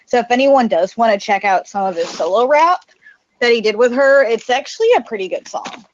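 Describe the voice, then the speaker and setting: A woman's voice: fairly high pitch, lively intonation, a little fast, lo-fi sound. A woman co-hosting a casual music podcast, talking as an eager fan with hesitant fillers. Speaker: podcast co-host.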